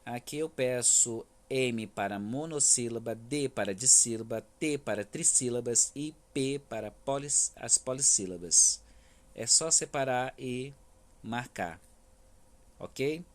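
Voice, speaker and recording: Brazilian guy teaching kids remotely, patient, stretches words out syllable by syllable, middle pitch. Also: takes it slowly. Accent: Brazilian Portuguese, Federal District. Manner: patient, stresses words syllable by syllable, frequent "tá?" checks. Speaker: primary school teacher. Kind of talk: remote class explanation.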